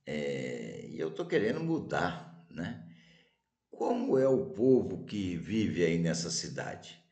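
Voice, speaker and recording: A man's voice: sits low, wildly swooping pitch, takes it slowly, darkish tone, pitched below the performer's own voice, heavily acted. A man voicing a fed-up male wanderer who complains and keeps tagging on "né?". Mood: grumbling. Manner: complaining, peppered with "né?". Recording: roomy echo.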